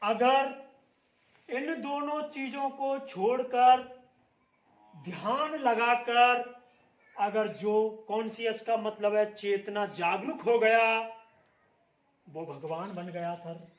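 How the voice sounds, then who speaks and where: A man's voice: high-pitched, drawn-out words, long pauses, reverberant, highs cut off. A man giving a motivational speech, asking rhetorical questions and answering them himself with strong emphasis. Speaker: motivational speaker.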